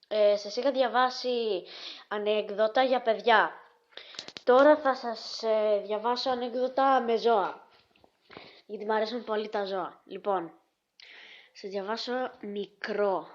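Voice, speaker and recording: A woman vlogger reading jokes aloud in a casual, halting way, with restarts and hesitations, and breaking off to chat to her dog. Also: mid-range voice, dull audio.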